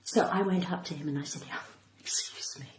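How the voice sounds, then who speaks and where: Her voice sits fairly low and moves a little fast as this middle-aged, cut-glass British comedian animatedly spins stories as a podcast guest, voicing each character's lines. There's a roomy echo and faint noise in the background.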